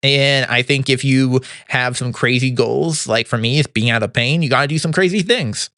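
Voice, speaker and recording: A young podcast host gives a casual monthly recap monologue, upbeat and quick to laugh, though halting, often stammering and restarting sentences. His middle-pitched voice is smooth, clear, pushed and bright, while his throat sometimes tightens into a slight gravel. The recording is close and dry, with no room sound.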